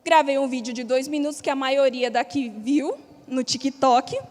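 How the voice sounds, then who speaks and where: A young woman tells her personal testimony in a high, bright voice. She talks candidly, with plenty of casual slang. Her voice rings with the long reverb of a big church hall. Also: fairly even intonation, moderate pace. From Brazil. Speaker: church member giving testimony.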